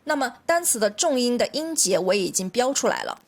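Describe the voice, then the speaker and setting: A woman's voice: a little high, sing-song, brisk. A woman language teacher with a Mandarin Chinese accent, patiently explaining a lesson in careful steps.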